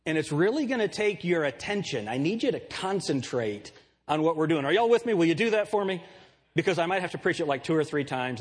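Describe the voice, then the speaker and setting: Preacher guy, nasal and kinda husky, voice jumps all over, cracks jokes. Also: fairly high pitch. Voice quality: nasal, light voice. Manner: jokey, animated preaching with rhetorical questions. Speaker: pastor. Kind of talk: sermon.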